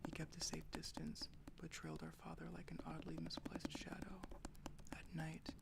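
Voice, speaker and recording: A man's voice: on the high side, level tone, normal speed, vocal fry. A man reading a book aloud in an unvoiced ASMR whisper, carefully, with finger tapping and clicks. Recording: noisy, loud hiss and clicks.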